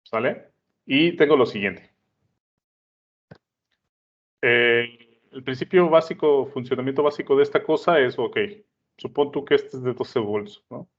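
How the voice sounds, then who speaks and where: A man teaches in a loose, conversational way, regularly checking that his listeners follow. His voice sits at a middle pitch. The recording is dull and lo-fi. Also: measured pace, long pauses. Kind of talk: explaining at a whiteboard. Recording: dull lo-fi sound.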